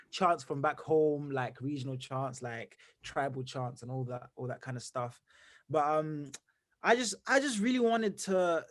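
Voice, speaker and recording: A young man from Zimbabwe, a musician answering interview questions in an energetic, rambling way full of fillers. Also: medium pitch. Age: young adult. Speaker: musician guest.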